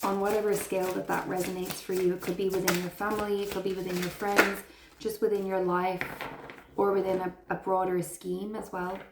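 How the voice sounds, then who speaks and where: Lady doing a tarot reading, bit of vocal fry, slow and earnest, kinda roomy echo. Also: medium pitch, flat delivery, noisy background. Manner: slow, earnest and affirming, with emotional praise. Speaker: tarot reader. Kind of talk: intuitive tarot reading to camera.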